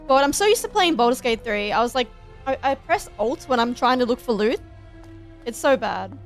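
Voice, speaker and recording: A young woman streaming a fantasy game, excitable, swearing and laughing as she comments. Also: on the high side, moderate pace, faint music behind. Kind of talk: gameplay commentary.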